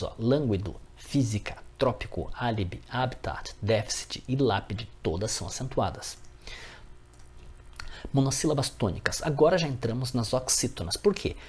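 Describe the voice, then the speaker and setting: Guy giving a grammar class, kinda husky, mid pitch, keeps asking "right?". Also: a little mellow. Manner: addresses viewers as friends, checks with "certo?". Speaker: teacher. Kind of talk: grammar lesson.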